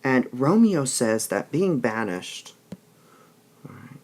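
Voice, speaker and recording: A man's voice: medium pitch, sing-song, takes it slowly, darkish tone. A man teaching a literature lesson, explaining patiently and often checking in with "all right?" between passages he reads aloud.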